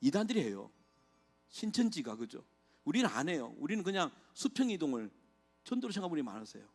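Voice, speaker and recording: A man's voice: on the high side, sing-song, fast talker, faint music behind. Impassioned middle-aged man preaching. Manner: impassioned, rhetorical questions to the congregation. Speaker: guest pastor. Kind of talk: testimony sermon. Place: church sanctuary.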